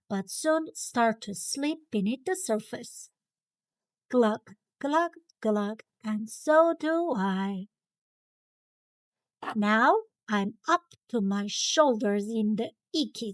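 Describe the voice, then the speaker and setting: A woman reading a children's story aloud in an animated, dramatic way, with exaggerated cartoon intonation and stretched key words. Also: fairly high pitch, slow pace, dry recording. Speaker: storybook reader.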